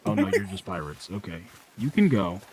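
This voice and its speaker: A man's voice: low-pitched, big pitch swings, moderate pace, a little mellow, a little hiss or hum. A man streaming a game, making dry, sarcastic remarks at what happens on screen. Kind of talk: casual gameplay chat.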